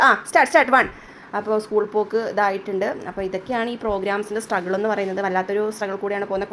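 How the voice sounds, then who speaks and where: A woman who teaches dance speaks in a casual vlog and sounds weary and stressed. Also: medium pitch. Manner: weary, stressed, talks about her struggles. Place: at home. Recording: loud background noise. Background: children crying at home.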